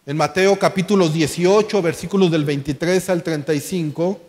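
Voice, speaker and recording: A man preaching a sermon, slow and emphatic, asking the congregation rhetorical questions. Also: on the high side, a little mellow. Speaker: pastor. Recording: long church hall reverb.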